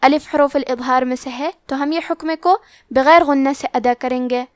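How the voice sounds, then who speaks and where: A high-pitched woman with a Pakistani Urdu accent gives a tajweed lesson. She explains each rule in a calm, measured way, then draws the recited words out slowly. The recording is dry and close, with no room sound. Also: dry recording. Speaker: Quran recitation teacher.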